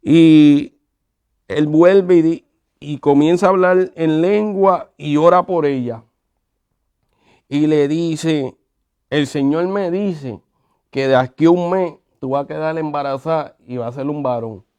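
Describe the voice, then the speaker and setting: Guy telling his church story, acts out the quotes, relaxed mellow voice. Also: fairly high pitch, takes it slowly, pauses often, smooth, dull audio. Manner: animated storyteller acting out quotes. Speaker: guest sharing his testimony. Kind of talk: conversational testimony.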